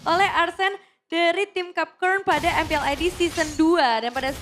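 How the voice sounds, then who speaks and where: A woman's voice: very high voice, moderate pace, a bit bright, a little hiss or hum. A woman with an Indonesian accent, an esports caster who comments on a match and puts questions to her co-casters.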